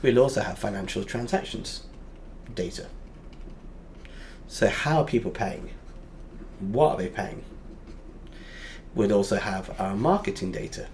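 A man teaching a lesson over a whiteboard drawing, explaining step by step and pausing often with fillers. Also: lowish voice, animated, gravelly, darkish tone, slight background noise.

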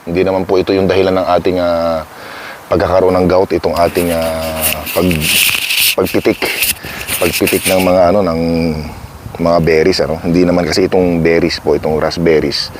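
A man's voice: deep voice, little pitch movement, moderate pace, background noise. A man from the Philippines vlogging casually to his viewers from an outdoor backyard on a clip-on mic, rambling and self-mocking with frequent chuckles. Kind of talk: casual chatty vlog addressing viewers. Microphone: clip-on microphone.

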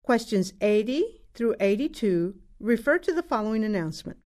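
A woman's voice: a little high, sing-song, moderate pace, darkish tone. A woman test narrator reading numbered exam questions as scripted narration.

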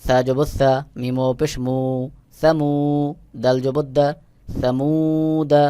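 A man's voice: a little high, little pitch movement, slow, warm tone, smooth, dry recording. A man teaching Quran reading, spelling out each letter and its vowel and then blending them into the word. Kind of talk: slow syllable-by-syllable recitation lesson.

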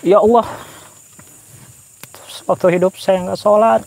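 A man's voice: mid-range voice, little pitch movement, moderate pace, warm tone, natural voice. A man voicing a newly dead man in his grave, pleading and wailing for help and forgiveness, recorded from inside a covered grave.

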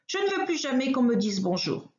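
A woman voicing a small, frightened young male rabbit in a storybook reading, pleading and high. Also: big pitch swings, fairly quick, darkish tone. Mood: upset. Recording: roomy, slightly dull recording.

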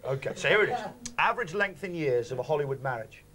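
A male TV host with a high, wildly lively voice runs a studio stats game in a playful, exclamatory way. A loud studio crowd fills the background. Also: fast talker. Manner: playful, exclamatory, laughing often. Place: TV studio with audience.

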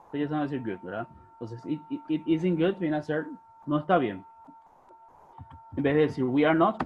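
A man with a Paraguayan Spanish accent teaching an English class, slowly drawing out his English model phrases. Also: on the high side, noisy background. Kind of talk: online class lesson. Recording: dull lo-fi class recording.

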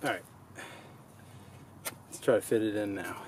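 A man's voice: fairly low pitch, measured pace, background noise. A man in his thirties narrating casually to the camera as he works on a craft project outdoors in the woods, talking half to himself. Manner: relaxed, talks to himself while crafting. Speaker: bushcraft vlogger. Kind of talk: casual narration while working.

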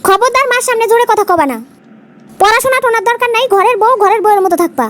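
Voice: quick pace, fairly bright tone. A performer voicing a hot-tempered young husband in a cartoon, curt and bossy. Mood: scolding. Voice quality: high squeaky cartoon pitch. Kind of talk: cartoon voice acting.

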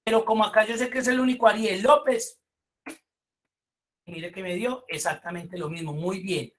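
A woman's voice: mid-range voice, fairly even intonation, normal speed. A woman teaching a spreadsheet course online, explaining step by step and praising her students.

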